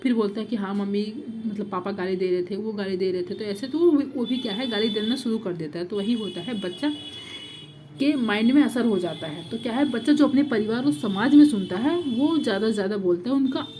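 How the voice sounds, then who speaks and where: A woman's voice: medium pitch, brisk, dark tone, slight background noise. Woman teaching with repeated rhetorical questions. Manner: repetitive, rhetorical questions, frequent 'thik hai'. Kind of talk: exam-prep lecture.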